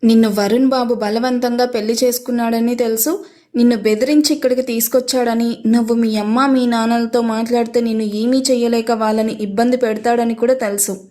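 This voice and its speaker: A woman voicing an elderly, motherly nanny who speaks gently and soothingly in a narrated story. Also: on the high side, steady tone, fairly quick, natural voice. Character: elderly woman, the family's warm old nanny.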